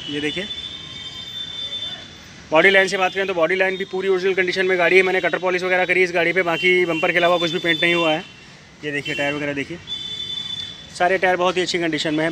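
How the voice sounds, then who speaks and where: A man gives a brisk, repetitive sales pitch while walking around cars on an outdoor lot, filming on a handheld phone. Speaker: used car dealer. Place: outdoor used car lot. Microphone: handheld phone camera. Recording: faint outdoor street noise.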